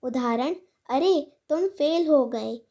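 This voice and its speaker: Slow, high-voiced woman teaching grammar. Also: warm tone. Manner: measured, clearly paced recitation of rules and examples. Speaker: channel host teaching Hindi grammar. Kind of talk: slow scripted grammar lesson for children.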